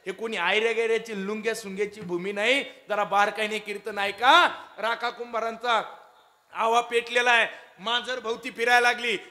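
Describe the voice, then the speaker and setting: A man preaching a devotional kirtan sermon, loud and emphatic, joking and calling out to the audience. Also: high-pitched, fairly even intonation, normal speed.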